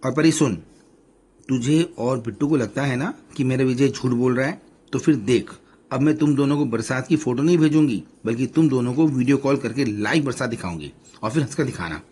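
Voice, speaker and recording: A man voicing a sharp-tongued middle-aged wife who teases and scolds her husband. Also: mid-range voice, animated, a little slow, breathy edge. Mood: scolding. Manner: scolding, bossy.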